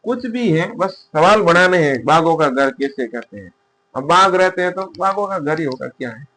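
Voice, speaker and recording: A male teacher giving a casual exam-prep lecture, asking questions and answering them himself, and repeating key terms slowly as he writes them down. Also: fairly high pitch, expressive, bright, forceful tone. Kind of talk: casual classroom-style lecture.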